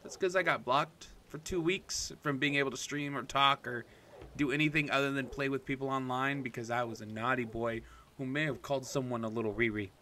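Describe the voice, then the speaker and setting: Bright-voiced, crude joking gamer guy. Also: medium pitch, fairly even intonation, brisk, a little hiss or hum. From California. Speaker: gaming video host. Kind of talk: casual let's-play commentary. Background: game music.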